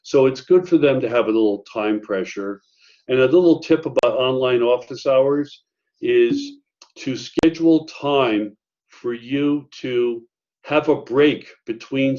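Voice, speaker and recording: A man's voice: medium pitch, darkish tone. A man presenting an online training workshop for teachers in a conversational way, with many fillers and asides. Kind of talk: online faculty training talk. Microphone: video call. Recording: muffled video-call audio.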